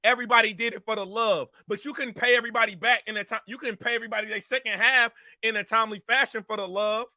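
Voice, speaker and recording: Man, heated rant, sharp bright tone, repetitive, confrontational. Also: high voice, steady tone, fast talker, hardly any pauses, dry recording. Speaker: commentary show host.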